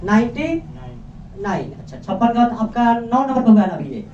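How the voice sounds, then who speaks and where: A man's voice: very high-pitched, very animated, moderate pace, a little mellow, slight background noise. A man teaching a class, quizzing students and firmly repeating each of their answers back to them. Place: classroom indoors. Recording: echoey, distant, dull classroom recording.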